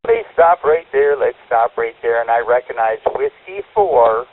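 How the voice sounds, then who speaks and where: A man's voice: medium pitch, huge pitch swings, unhurried, creaky, no room sound. A man running a radio net as control operator, heard over a two-way radio transmission and talking in folksy, upbeat radio lingo. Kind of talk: radio net check-ins. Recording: tinny radio channel.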